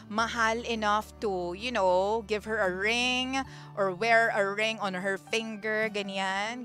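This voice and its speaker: Chatty Filipino woman radio DJ. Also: fairly high pitch. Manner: chatty, animated, mixing Tagalog and English. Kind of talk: radio advice talk reading listener messages. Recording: radio broadcast with faint music behind.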